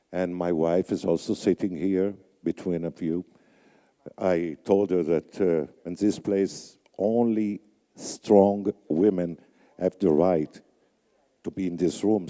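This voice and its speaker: Hosting a conference, a radio announcer, an older man who grew up with Yiddish, speaks into a microphone on stage to deliver emcee remarks. His voice is low and very dark with fairly even intonation, ringing out across a large reverberant hall, and he goes slowly and deliberately, halting with fillers and small pauses as he picks his words.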